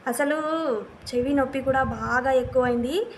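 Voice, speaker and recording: A woman with a high voice tells a personal story to her viewers in a casual vlog. She speaks earnestly and plainly, often repeating herself as she goes. A faint hum of room noise sits underneath. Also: fairly even intonation, normal speed. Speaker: vlogger.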